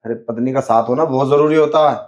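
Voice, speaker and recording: Speaking fast in a mid-range, slightly mellow voice, an actor in a short skit portrays a sleazy man faking blindness. He's sly and wheedling, with "you know" coming up again and again.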